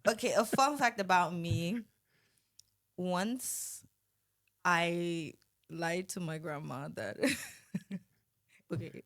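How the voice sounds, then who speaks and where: A woman's voice: fairly low pitch, very slow, long pauses, fairly bright tone. A woman, a vocalist chatting giggly and bubbly as a podcast guest. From Cameroon. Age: 20s. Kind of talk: casual chat.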